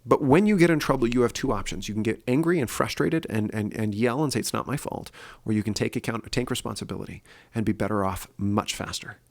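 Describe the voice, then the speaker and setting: A man's voice: lowish voice, fast talker, creaky, few pauses. A man hosting his own solo podcast, speaking earnestly and thinking aloud with fillers and restarts. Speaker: podcast host.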